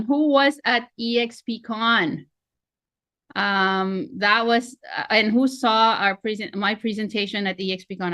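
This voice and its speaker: Coaching a real estate webinar by video call, this woman in her forties from the Philippines speaks with a Filipino accent, chatty and poking fun at herself. Her mid-range voice sounds bright and forceful, with no echo.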